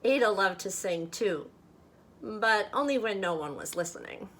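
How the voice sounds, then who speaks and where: A woman from a church speaks warmly to children and reads a storybook aloud to them. Her mid-range voice is deliberate and expressive.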